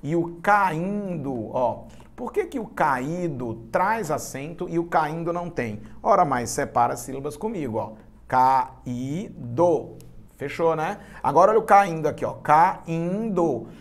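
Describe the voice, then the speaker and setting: A man's voice: on the high side, moderate pace, creaky, few pauses. A man with a Brazilian accent teaching a live online grammar lesson for exam prep, chatty and talking straight to his students. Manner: animated, chatty, addresses students directly.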